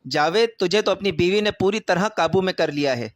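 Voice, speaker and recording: Jealous older mother-in-law, taunting tone, high pitch, dry close sound, voiced by a male narrator. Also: no room sound, lightly acted. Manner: taunting, sarcastic.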